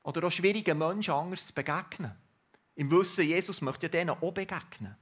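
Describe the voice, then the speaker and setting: A man preaching a sermon in an earnest, reflective way with pauses. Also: a little high, breathy edge.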